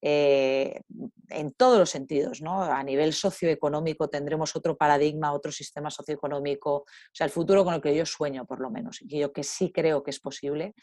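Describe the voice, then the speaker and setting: A woman talking in an interview, a lively storyteller who acts out the voices of others. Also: low-pitched, fairly quick, no echo, clean studio sound. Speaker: guest. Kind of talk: conversational interview.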